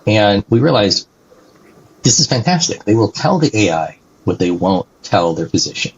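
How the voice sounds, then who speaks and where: The guest, a company executive, speaks at a moderate pace in a lowish, husky, sing-song voice. He explains things animatedly in conversational interview answers, adding "right?" to his sentences, and the recording quality is dull and lo-fi.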